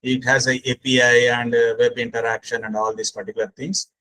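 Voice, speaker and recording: A man's voice: mid-range voice, flat delivery, fast talker, bright, forceful tone, low-quality recording. A man with an Indian accent explaining as a lecturer in an online session, emphatic and repetitive, often addressing the listener as sir. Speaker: speaker at a faculty training session. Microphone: online call microphone.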